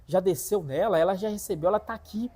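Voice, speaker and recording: A man's voice: high-pitched, fast talker, pitched above the performer's own voice. A man doing an angry scolding young woman. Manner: scolding, sharp.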